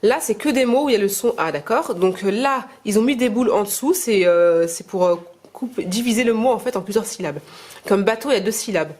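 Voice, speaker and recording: A mother speaks at an ordinary, mid-range pitch, pausing often as she explains. She guides her young children through a reading lesson patiently and gently. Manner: hesitant, halting speech to camera. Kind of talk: casual home-schooling vlog and lesson.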